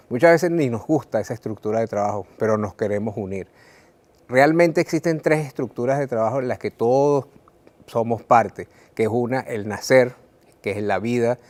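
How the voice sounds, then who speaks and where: A Venezuelan man, a writer, speaking earnestly and reflectively to the viewer about his life, with frequent "eh" pauses and repeated words. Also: mid-range voice, darkish tone. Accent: Venezuelan Spanish. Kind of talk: reflective personal talk to camera.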